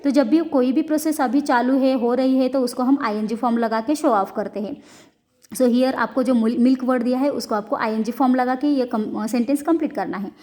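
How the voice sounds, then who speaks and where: A woman teaching a lesson, reading slowly, spelling out words and explaining quickly in Hindi. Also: sits high, steady tone, a little mellow. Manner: slow and careful in English, quick in Hindi, spells words letter by letter.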